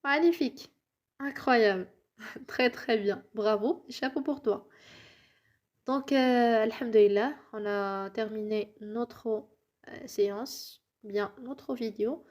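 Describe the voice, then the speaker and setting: A woman teaches French in a casual way, dropping into Arabic to explain, and her voice is a little high and darkish with a slow pace. She patiently encourages the listener, often confirms they're following, and now and then whispers to show pronunciation.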